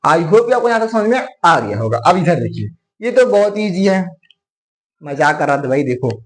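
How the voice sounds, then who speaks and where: High-voiced man teaching grammar. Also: big pitch swings, normal speed. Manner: repeats "theek hai" and "dekhiye" often, asks and answers his own questions. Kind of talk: explaining a lesson.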